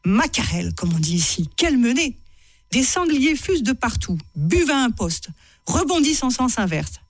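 A woman's voice: sits high, very animated, normal speed, dry recording. A woman author reading excerpts from her own writing to an audience, chatty and self-mocking, often laughing at her own lines.

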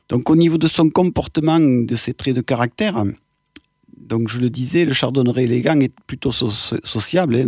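Male wildlife presenter, informal nature-documentary explainer, medium pitch, teacherly, rephrases as he goes, close dry sound. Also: darkish tone, dry recording. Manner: didactic, pausing to search for words and reformulate. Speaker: bird presenter giving a talk.

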